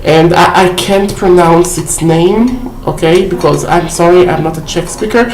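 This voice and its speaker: In an indoor room at home, a woman with a lowish, darkish voice takes her time presenting a shopping haul to her vlog audience. The chat is loose and filler-heavy, punctuated by frequent "okay?" check-ins, and the sound echoes around the room.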